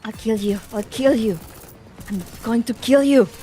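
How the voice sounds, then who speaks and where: A woman's voice: on the high side, a little slow, dark tone, pitched above the performer's own voice, lightly acted. A woman voicing an unhinged, vengeful young woman in dramatic video game dialogue. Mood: escalating rage.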